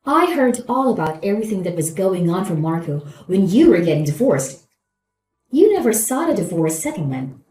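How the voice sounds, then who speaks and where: A woman's voice: mid-range voice, warm tone, reverberant, poor audio. A woman acting a gloating, falsely polite new wife in a scripted story, with a saccharine, condescending manner.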